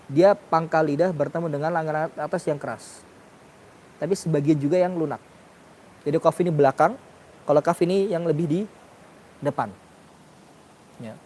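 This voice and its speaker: A man's voice: fairly high pitch, normal speed, long pauses, a little mellow, a little hiss or hum. A man teaching a class on Quranic pronunciation, questioning his students and sounding out letters for them. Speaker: tajwid teacher.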